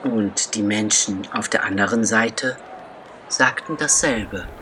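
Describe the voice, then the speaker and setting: A man telling a children's story as scripted narration, slow and deliberate with dramatic pauses. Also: lowish voice, bright, forceful tone, a little hiss or hum.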